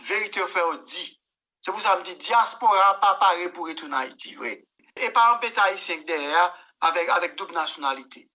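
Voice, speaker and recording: A man's voice: high voice, fairly quick, pushed and bright, highs cut off. A man with a Haitian Creole accent, a musician guest on a radio interview, talking emphatically, repeating words and telling anecdotes with quoted dialogue. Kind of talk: animated interview answers.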